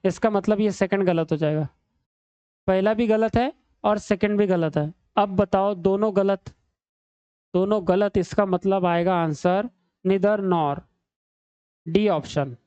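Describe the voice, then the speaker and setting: A man's voice: high-pitched, slow, pauses often, dark tone, clean tone, no echo, highs cut off. A man teaching an exam-prep reasoning lesson at a screen, chatty and teasing, calling his students son and brother. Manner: chatty, teasing, calls students beta and bhai.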